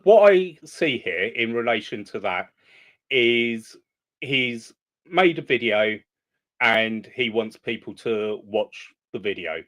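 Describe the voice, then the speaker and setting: A man hosting a reaction video, speaking in a measured, hesitant way with frequent pauses and ums. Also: medium pitch, a bit bright. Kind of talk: commentary on a played video.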